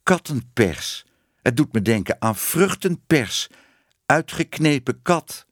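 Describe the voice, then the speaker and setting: A man's voice: medium pitch, big pitch swings, takes it slowly, no echo, clean studio sound, pitched above the performer's own voice. A man reading a storybook aloud, voicing a shy young woman who was once a cat and speaks hesitantly. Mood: timid. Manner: hesitant, stammering. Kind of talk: audiobook reading.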